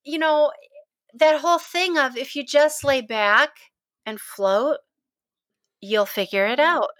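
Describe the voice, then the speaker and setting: A woman co-hosts a relaxed book discussion in a high, bright voice. She tells her stories with animation and laughs often. The sound is close and dry. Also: slow pace, dry recording. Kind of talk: casual chat.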